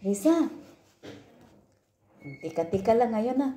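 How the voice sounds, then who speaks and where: A woman's voice: mid-range voice, fairly even intonation, fairly quick, mellow. A woman in a casual chat who keeps chiming in and calling out to the others around her. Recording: echoey room.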